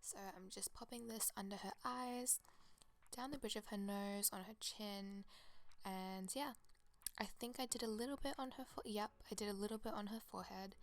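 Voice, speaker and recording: Speaking at a normal speed with a medium-pitched voice, this young woman narrates a makeup tutorial while fighting a cold that makes her sound slightly crackly. As a makeup artist, she gushes chattily about the products she recommends.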